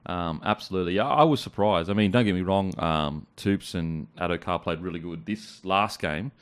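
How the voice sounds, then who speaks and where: A man's voice: sits low, normal speed, clean tone. An Australian man hosting a casual chat, blokey and chatty, swearing freely. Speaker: podcast host.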